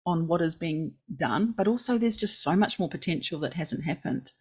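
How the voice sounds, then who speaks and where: A woman's voice: low voice, expressive, normal speed, breathy edge. A woman with a New Zealand accent co-hosting a podcast, earnestly sharing reports and reflections at length. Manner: earnest, informative, lists facts and reports at length. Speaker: podcast co-host. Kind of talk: casual podcast chat.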